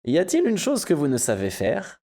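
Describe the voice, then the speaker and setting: A man's voice: fairly high pitch, huge pitch swings, moderate pace, dark tone, pitched above the performer's own voice, exaggerated voice. A man voicing a gallant, courtly host with gracious, complimentary speech in an audiobook.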